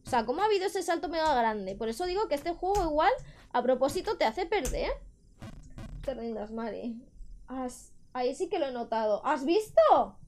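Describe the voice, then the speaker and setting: A woman's voice: sits high, sing-song, normal speed, a little mellow, slight background noise. A young woman with a Spain Spanish accent, chatting on a live gaming stream, frustrated and swearing at the game.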